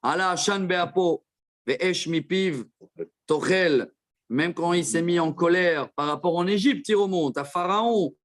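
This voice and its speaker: A man teaching a Torah class as a rabbi, explaining verses with quick asides to his listeners. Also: high voice. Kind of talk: Torah lesson.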